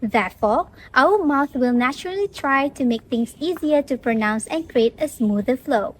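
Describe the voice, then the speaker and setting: A woman's voice: high voice, animated, moderate pace, rough recording. A young woman student presenting a scripted lesson on English pronunciation in a careful, explanatory way. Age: young adult. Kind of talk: scripted educational narration.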